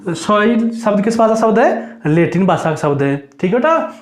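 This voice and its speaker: High-voiced man drilling a class in an echoey room. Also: big pitch swings, normal speed. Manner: drills students with repeated question and answer; asks high and answers low. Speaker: teacher. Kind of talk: exam-prep lecture.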